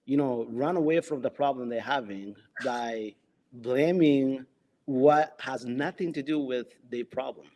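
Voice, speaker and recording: Telling stories from his police work in a conversational interview, a man whose first language isn't English speaks in a mellow, mid-range voice. He hesitates often, restarting sentences and leaning on "you know."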